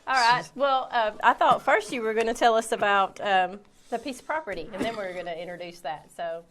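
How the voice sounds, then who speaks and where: A woman's voice: on the high side, fairly quick, a bit bright. A woman co-hosting a casual morning chat show, sounding nasal and stuffed up with a cold. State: congested with a cold.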